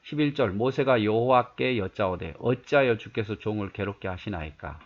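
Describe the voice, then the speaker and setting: A man's voice: lowish voice, normal speed, dull audio. A man pastor preaching a conversational sermon, reading scripture and asking his listeners rhetorical questions.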